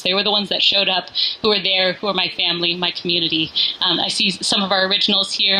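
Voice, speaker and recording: At an indoor event venue, a Bay Area woman in her forties welcomes a party crowd as the founder of an organization. Her medium-pitched voice has a sharp tone, and her casual, heartfelt speech is full of fillers and restarts. The recording quality is low.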